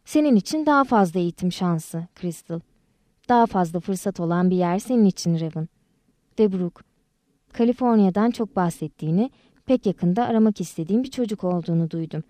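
A woman reading the lines of a kind, gentle adult man in an audiobook, with a soft, reassuring way of talking. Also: on the low side, lively intonation, fairly quick, no echo, studio quality, close to an everyday voice.

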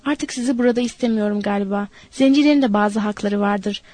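A woman's voice: medium pitch, a little fast, no echo, lightly acted. A woman voicing a proud, bitter older male stable hand who talks sharply and with resignation. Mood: weary. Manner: sharp and indignant, then flat and resigned.

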